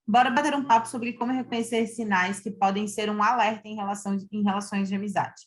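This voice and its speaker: A woman in her thirties from Santa Catarina, co-hosting a podcast in a lively manner, chatting and reading prepared segments. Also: mid-range voice, quick pace. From Santa Catarina, Brazil. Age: 30s. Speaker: podcast co-host. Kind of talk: podcast chat and scripted reading.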